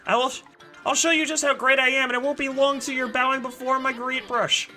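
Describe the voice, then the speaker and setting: A woman voicing a tiny, boastful male wandering artist in a video game, brash and quick. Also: sits high, level tone, bright, forceful tone, soft background music, pitched above the performer's own voice.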